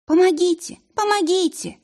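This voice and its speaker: A woman voicing a frantic young girl who begs for help in a sobbing, high, urgent voice. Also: normal speed, a little mellow. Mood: desperate pleading. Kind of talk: audiobook character voice.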